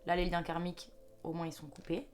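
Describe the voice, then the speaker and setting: A woman's voice: lowish voice, completely flat delivery, fairly quick, a little mellow, slight background noise. A young woman giving a chatty, reassuring intuitive card reading to viewers, with faint music behind her. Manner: chatty, reassuring, restarts and fillers. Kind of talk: casual spoken reading to viewers.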